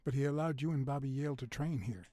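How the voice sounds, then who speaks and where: A man voicing a wry, hard-boiled noir detective in a video game, with a husky, gravelly voice. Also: mid-range voice, fast, dark tone, no echo, lightly acted. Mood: probing, cool.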